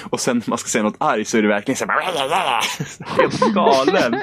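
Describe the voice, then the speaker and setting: Lively young man chatting about games. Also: husky, no echo. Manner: animated, acts out quoted lines with sudden high pitch. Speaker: podcast co-host. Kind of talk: casual gaming chat.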